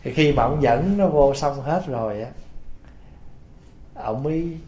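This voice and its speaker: A man's voice: mid-range voice, expressive, unhurried, warm tone. A man giving a storytelling Buddhist sermon, folksy and often asking his listeners questions. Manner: folksy, asks the audience questions. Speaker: Buddhist preacher. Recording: roomy, dull lo-fi sound.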